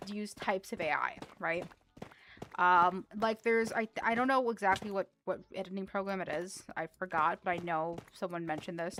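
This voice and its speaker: A woman's voice: fairly low pitch, a bit bright, slight background noise. A young woman streamer chatting casually while playing a game, rambling with frequent restarts and laughs. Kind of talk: casual livestream chat while gaming.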